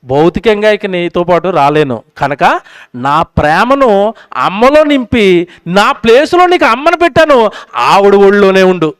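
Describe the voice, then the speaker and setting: Preacher putting on a gentle fatherly God, low and tender, crisp and close. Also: very animated, unhurried, no echo, exaggerated voice.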